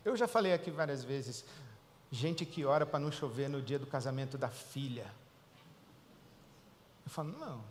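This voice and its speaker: An older man with a Brazilian Portuguese accent, a pastor preaching a sermon, who talks animatedly, acts out voices and rises to loud exclamations. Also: mid-range voice, normal speed, a little hiss or hum. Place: church hall. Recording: reverberant church hall.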